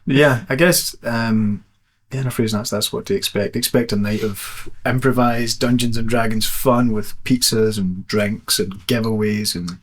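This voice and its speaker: A man's voice: lowish voice, fairly even intonation, unhurried, a little hiss or hum. A man who runs a live tabletop game, talking casually and often restarting his sentences. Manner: hesitant, repeats words at starts. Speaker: dungeon master of a live show. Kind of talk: casual interview chat.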